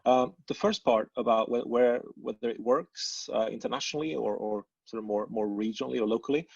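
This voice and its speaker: A man's voice: medium pitch, a little fast, vocal fry, darkish tone, slightly rough, no room sound. A man from Sweden answering questions on a webinar panel, hesitant, with many restarts. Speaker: panel speaker, design strategist. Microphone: video call. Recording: muffled video call audio.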